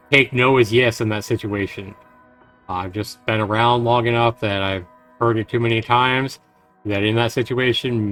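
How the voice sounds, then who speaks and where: A man with a medium-pitched, fairly bright voice hosts a livestream of a visual novel, reading the story text aloud. He adds earnest, casual commentary straight to his listeners over faint game music.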